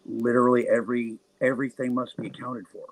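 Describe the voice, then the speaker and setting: Man explaining in dry, halting bursts. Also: medium pitch, level tone, no echo, low-quality recording. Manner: halting restarts, earnest explaining. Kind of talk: casual podcast chat.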